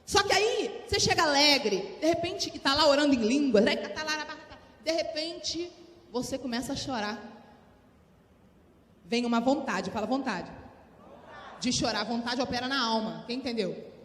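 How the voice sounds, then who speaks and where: A woman's voice: high voice, a little slow, a little hiss or hum. Woman pastor preaching, big church, long echo ringing after her. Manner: lively preaching, calls on the crowd to answer. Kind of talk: sermon. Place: large church hall. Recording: echoey church hall with long reverb.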